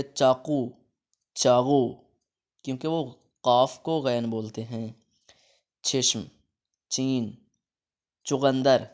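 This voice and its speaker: A man with a Pakistani Urdu accent teaching a Persian lesson, saying each word louder and then explaining it more quietly. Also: medium pitch. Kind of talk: classroom-style lesson explaining vocabulary.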